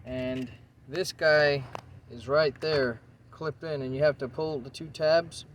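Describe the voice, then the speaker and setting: Relaxed man talking through a car repair. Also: a little high, slow pace, slight background noise. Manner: relaxed, rambling, thinks aloud with fillers. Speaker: car repair video maker. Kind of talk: casual how-to narration. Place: inside a car.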